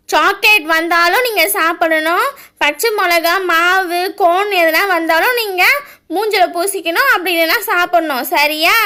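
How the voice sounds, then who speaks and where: A woman's voice: very high-pitched, pushed and bright. A woman doing a bossy big-sister doll. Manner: bossy, lays down rules. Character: bossy older-sister girl doll running a game. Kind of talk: doll-play voice acting.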